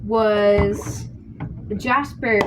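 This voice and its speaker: A woman's voice: mid-range voice, steady tone, drawn-out words. A young woman vlogging in a casual, rambling storytelling style, spacey and scattered, as she talks while washing dishes. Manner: spacey, scattered, self-interrupting. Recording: noisy room with dish-washing sounds. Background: scuffling and clatter of dishes.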